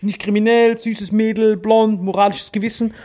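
A man's voice: high voice, level tone, normal speed, warm tone. A man in his forties, a podcast co-host, telling a rambling, provocative joke story in casual chat. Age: 40s.

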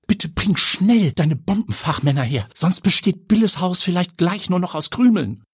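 A man's voice: mid-range voice, very animated, moderate pace, a little mellow, slightly rough, no echo, clean studio sound, pitched above the performer's own voice. A man voicing a worried, commanding aunt, raising his voice to sound like a woman and speaking urgently. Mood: pleading. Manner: urgent, pleading. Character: worried middle-aged aunt, quick, commanding.

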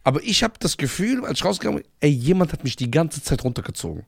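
Brief: man, podcast co-host, lively intonation, dry close sound, jokey. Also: a little high, fast talker, vocal fry, no echo. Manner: joking, easily spooked. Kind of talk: casual chat.

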